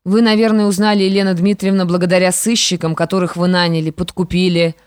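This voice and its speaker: A woman's voice: fairly low pitch, level tone, fast talker, clear, resonant tone, dry recording, clean studio sound, close to an everyday voice. A woman voicing a defiant young stepdaughter in an audiobook, firm and reproachful. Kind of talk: audiobook character reading.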